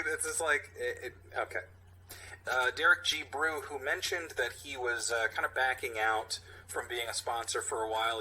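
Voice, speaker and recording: A man co-hosts a comedy podcast and reads listener submissions in a loose, halting way, often stumbling as he goes. His voice is very bright and midrange, with a faint hiss underneath. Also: medium pitch, low-quality recording. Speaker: podcast co-host. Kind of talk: casual podcast chat, reading aloud.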